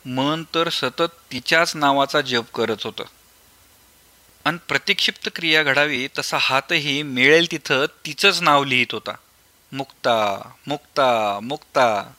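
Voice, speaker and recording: Male audiobook narrator, measured and reflective, bright, dry. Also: on the high side, no room sound. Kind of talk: scripted storybook narration.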